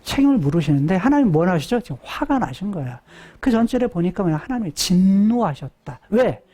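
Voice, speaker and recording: A woman's voice: medium pitch, very animated, brisk, warm tone, slightly rough. A woman pastor preaching a sermon. She asks questions and answers them herself, acts out quoted speech, and drops to whispers for emphasis.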